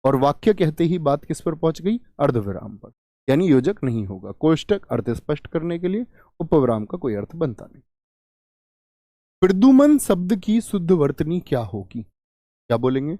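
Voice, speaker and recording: A man's voice: fairly high pitch, sing-song, moderate pace, mellow, no echo, studio quality. A man teaching Hindi grammar in a live online exam-prep class, asking questions and repeating key words. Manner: asks and answers his own questions, repeats key words.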